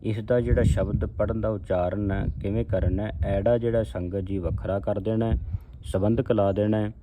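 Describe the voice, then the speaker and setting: A man with a Punjabi accent teaching scripture pronunciation, reciting each verse slowly and then explaining pauses and stress in quieter asides. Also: on the low side, steady tone, narrow, tinny audio, slight background noise. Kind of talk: slow line-by-line recitation with pronunciation notes.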